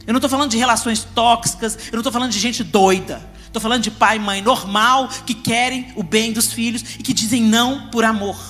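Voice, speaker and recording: A woman preaches with emphatic force and keeps putting questions straight to the congregation. Her voice is bright and carries in a church hall with a long reverb. Soft music plays faintly behind her. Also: a little high, fairly even intonation, brisk, few pauses. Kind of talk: sermon.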